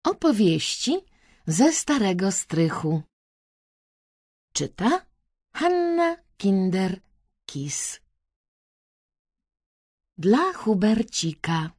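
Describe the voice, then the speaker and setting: A woman narrates a children's audiobook, taking her time over every phrase. Her slightly high voice rises and falls with lots of expression. The close studio mic gives a dry, intimate sound. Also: breathy edge, no room sound. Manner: slow, expressive storytelling.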